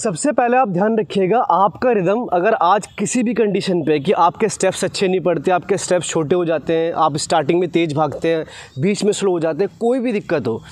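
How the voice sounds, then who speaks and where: This fast-bowling coach, a man in his 20s, has a high voice with a darkish tone. Presenting to camera outdoors on a grassy cricket ground, he explains technique like a coach and often checks in with short tag questions, picked up by a lapel mic.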